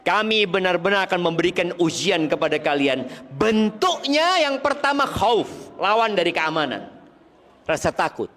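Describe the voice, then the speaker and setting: A man's voice: high voice, sing-song, moderate pace, a bit bright. Brief: male preacher, sermon with questions to the congregation, echoey hall. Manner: engaging, quizzes the congregation.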